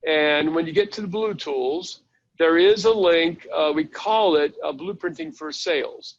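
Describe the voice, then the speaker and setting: A man's voice: a little high, measured pace, vocal fry, lo-fi sound. A man presenting a live online training session, chatting his way through a website step by step. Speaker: webinar presenter.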